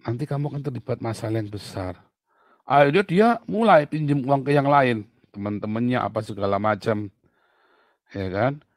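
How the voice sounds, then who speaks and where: A man's voice: medium pitch, moderate pace, no room sound, clean studio sound. A man teaching in a sermon-style Q&A. He tells stories with energy and acts out the voices of the people in them. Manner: animated storytelling, acting out voices of people and God.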